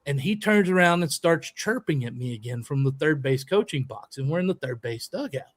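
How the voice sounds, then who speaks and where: A man co-hosting a podcast, telling a story in a lively, emphatic way and acting out a heated argument. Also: a little high, brisk, dry recording. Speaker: podcast co-host and youth baseball coach. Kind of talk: animated storytelling in casual chat.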